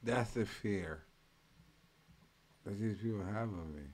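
A man ranting in mocking commentary as the host, full of profanity and loud mimicking bursts. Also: on the low side, slow pace.

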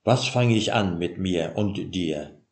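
A man voicing an agitated, deceived young bridegroom who shouts in anguish. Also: deep voice, takes it slowly. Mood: outraged. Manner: loud, anguished, outraged. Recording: roomy echo.

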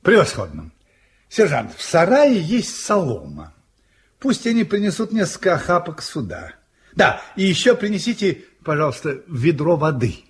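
Radio-play detective: husky, fairly high voice, playful, superior, courteously commanding. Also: male voice, huge pitch swings, moderate pace, exaggerated voice. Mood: confident, teasing. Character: brilliant, theatrical, playfully superior male detective. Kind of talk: theatrical radio-play dialogue.

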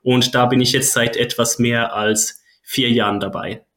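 A man from Switzerland, a guest coach, answering interview questions in a relaxed way, laughing often and tagging "ne?" onto his sentences. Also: mid-range voice, normal speed. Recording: echoey room.

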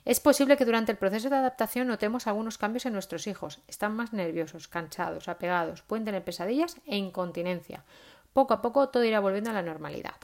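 Mujer española charlando con consejos para madres. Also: female voice, medium pitch, quick pace. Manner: chatty, frequent "¿vale?" tags, informal. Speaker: parenting vlogger. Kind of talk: casual advice monologue.

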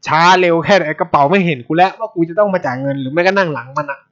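Speaking very fast in a slightly high voice, this Thai podcaster spins stories in blunt, casual talk packed with profanity. He's animated throughout, and the recording has a dull, lo-fi feel.

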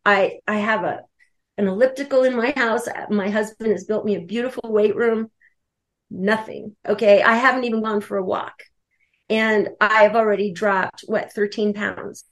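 A woman's voice: medium pitch, fairly even intonation, normal speed. A woman guest telling her own story candidly and emotionally, with lots of fillers. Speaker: coaching client and guest. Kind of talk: candid personal testimony.

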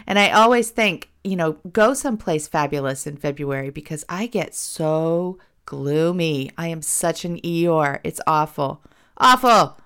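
Hosting a casual podcast, a middle-aged woman speaks in an animated, self-deprecating way. Her fairly low voice is a bit hoarse from a cold, and her pace runs a little slow.

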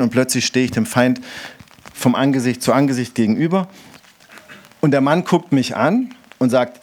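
A man preaching in a church, his delivery animated and story-driven. He keeps shifting his voice to play the people in his stories, at a mid-range pitch for a man. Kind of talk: sermon.

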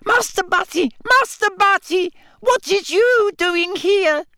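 A man's voice: very high-pitched, animated, slow pace, sharp tone, no room sound, clean studio sound, voice pushed up, full character voice. A man voicing a tiny, frantic female house-elf who shrieks in broken grammar. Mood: shrieking, frantic. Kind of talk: audiobook character voice.

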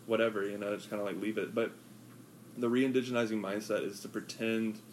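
A man chatting casually on a podcast, relaxed and rambling with lots of fillers. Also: on the low side, fairly quick, slight background noise, poor audio. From US West Coast. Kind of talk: casual chat.

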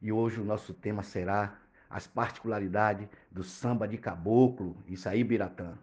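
A man's voice: lowish voice, fairly even intonation, normal speed, darkish tone. A man from Bahia, a teacher and cultural activist, earnestly explaining a topic to podcast listeners. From Bahia, Brazil.

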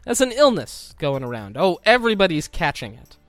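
A man's voice: high-pitched, sing-song, brisk, fairly bright tone, no echo, soft background music. A man co-hosting a podcast with wry, wordy, mock-formal storytelling, under the weather with a scratchy throat. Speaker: podcast co-host. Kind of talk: casual comic storytelling on a podcast.

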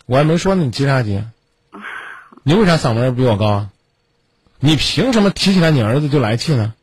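Stern, husky-voiced man lecturing a caller. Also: mid-range voice, big pitch swings, fast talker, no echo. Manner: stern, scolding lecture with pointed questions. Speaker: radio call-in advice host. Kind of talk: call-in advice talk.

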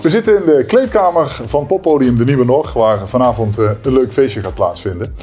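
Male podcast host, Limburg Dutch accent, warm relaxed tone, casual questioning, light music underneath. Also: medium pitch, fairly quick. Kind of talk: casual interview. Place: venue dressing room.

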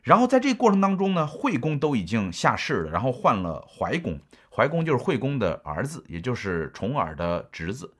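Middle-aged male history lecturer, chatty storyteller with a husky voice and very lively intonation. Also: medium pitch, moderate pace, hardly any pauses. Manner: chatty, asks the listener rhetorical questions.

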